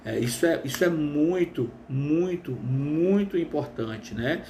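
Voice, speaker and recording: A man, hosting a casual live stream as a therapist, chatty and full of fillers, with a trained, smooth voice. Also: fairly high pitch, expressive, takes it slowly, dark tone, a little hiss or hum. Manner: chatty, reads viewer comments aloud with many fillers.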